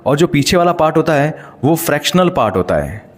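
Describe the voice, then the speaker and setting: A man's voice: on the high side, sing-song, a little fast. A man explaining decimals step by step as a teacher, patient and checking in frequent rhetorical questions. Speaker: math teacher. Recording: long hall reverb.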